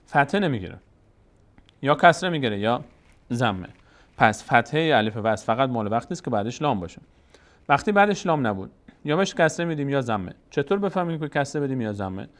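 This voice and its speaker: A man teaching Quran reading, explaining the rules patiently and slowly sounding out each syllable. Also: mid-range voice. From Tajikistan. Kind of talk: step-by-step recitation lesson.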